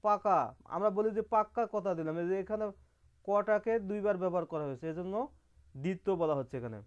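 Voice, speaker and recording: Male teacher, high voice, patient step-by-step slide lesson, dull lo-fi recording. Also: fast talker, smooth. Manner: explains step by step, repeats terms, asks and answers. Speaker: grammar teacher.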